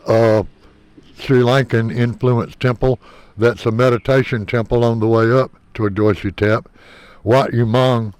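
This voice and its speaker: A man narrating a vlog as its host, explaining things and sometimes pausing or repeating himself to find words. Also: fairly low pitch, darkish tone, dry recording.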